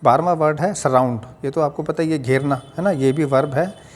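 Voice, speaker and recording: Indian man teaching English pronunciation. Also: fairly high pitch. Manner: patient, explains slowly, spells words letter by letter. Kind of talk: Hindi-language pronunciation lesson.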